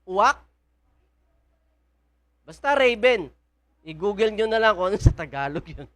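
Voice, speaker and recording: A woman's voice: medium pitch, animated, a little slow, fairly bright tone. A woman with a Filipino accent preaching a sermon in a church, often asking the congregation questions. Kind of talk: sermon mixing Tagalog and English.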